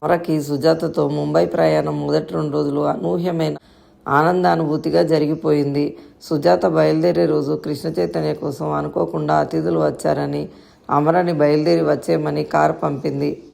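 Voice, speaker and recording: A woman's voice: low voice, little pitch movement, moderate pace, creaky, darkish tone. A woman narrating a story in a scripted reading.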